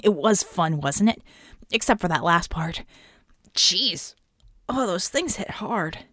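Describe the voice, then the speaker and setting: A woman's voice: lowish voice, animated, slow pace, fairly bright tone, no room sound, studio quality, heavily acted. A woman voicing a cheerful, easygoing young male trainee.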